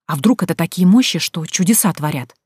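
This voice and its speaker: A woman voicing an excitable, curious female friend in an audiobook, speaking in eager exclamations. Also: fairly low pitch, fairly quick, breathy edge, no room sound, clean studio sound. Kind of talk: audiobook character voice.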